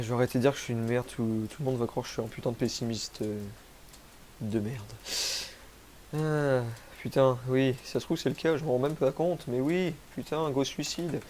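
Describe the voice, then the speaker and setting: Recording at home in the countryside, a young Frenchman who makes gaming videos talks through his gameplay while sniffling from a cold. He rambles, pokes fun at himself, and uses crude slang, his medium, mellow voice accompanied by a little hiss or hum.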